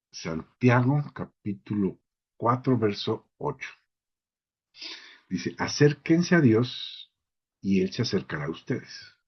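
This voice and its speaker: A man's voice: on the low side, breathy edge. A man preaching an informal sermon, who often checks in with his listeners. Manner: conversational, asks the listeners "¿sí?" often. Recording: dull lo-fi recording.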